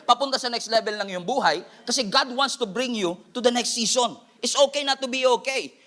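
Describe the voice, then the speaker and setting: High, bright-voiced Filipino pastor preaching. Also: male voice, a little fast. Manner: energetic preaching, switching between Filipino and English, playful asides. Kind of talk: sermon.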